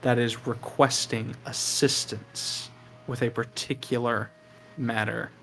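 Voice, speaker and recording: A man narrating a tabletop game as game master, explaining deliberately with pauses. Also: mid-range voice, steady tone, fairly bright tone, slight background noise.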